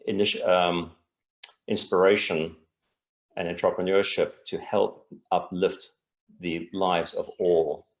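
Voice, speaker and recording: A man's voice: low voice, dull audio. A middle-aged man from Tanzania, a guest speaking in an earnest, reflective and meandering way in a casual interview over a video call.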